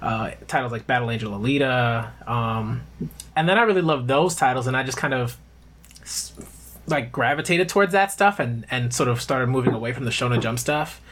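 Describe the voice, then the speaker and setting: A man's voice: medium pitch, a little fast, fairly bright tone, a little hiss or hum. A man guesting on a podcast as a manga YouTuber, talking casually and rambling with many "um"s. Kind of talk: casual interview chat.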